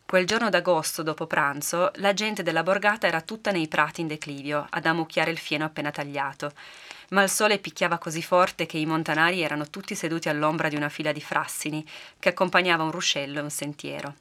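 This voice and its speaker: A woman narrating a folk tale for a podcast in a lively, expressive storytelling manner. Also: low-pitched, quick pace.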